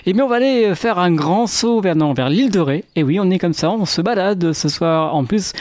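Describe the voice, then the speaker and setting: Halting radio host, dry studio sound. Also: male voice, a little high, darkish tone, no echo. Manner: halting, many fillers. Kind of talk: radio interview.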